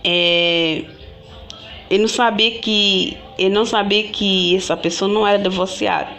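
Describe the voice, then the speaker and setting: A woman's voice: mid-range voice, steady tone, normal speed, a bit bright, soft background music. A woman telling her own story to viewers in a rambling, repetitive way, often restarting and speaking to them directly. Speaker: vlogger. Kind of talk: casual personal storytelling to viewers.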